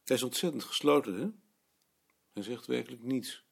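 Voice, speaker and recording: A man's voice: medium pitch, moderate pace, gravelly, slightly rough. An actor playing a blunt, stubborn male office colleague who speaks dismissively. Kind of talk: drama acting.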